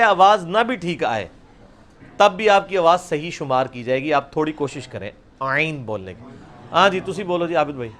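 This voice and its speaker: A man teaching a recitation class over a video call, repeating each sound slowly and loudly for his students. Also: a little high.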